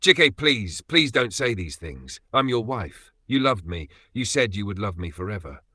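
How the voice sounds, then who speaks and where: A man's voice: on the low side, big pitch swings, moderate pace, bright, forceful tone, husky, no room sound, full character voice. A man voicing a heartbroken young wife who begs her husband through tears. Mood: pleading. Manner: tearful, begging.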